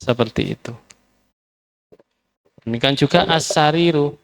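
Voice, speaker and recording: A man's voice: on the high side, unhurried, vocal fry. A man teaching a classroom lesson, patiently drilling words by repeating them. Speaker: Arabic teacher.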